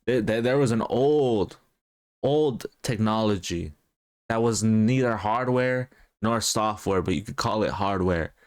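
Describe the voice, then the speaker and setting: A man's voice: on the low side, measured pace. Jokey man reacting to a video. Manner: jokey, profane asides. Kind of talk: casual reaction commentary.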